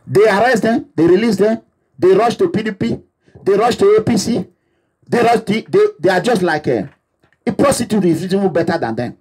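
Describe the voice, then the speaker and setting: A Nigerian activist leader abroad preaches an impassioned, repetitive address to his supporters. His high-pitched voice is animated and darkish with a breathy edge, delivered at normal speed.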